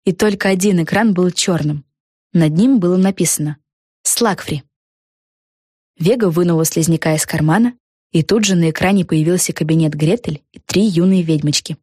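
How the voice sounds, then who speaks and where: A woman reading a children's storybook aloud with an expressive, even delivery. Her voice sits a little low and sounds dry and close to the mic. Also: fairly quick, slightly rough, dry recording. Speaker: audiobook narrator. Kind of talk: storybook narration.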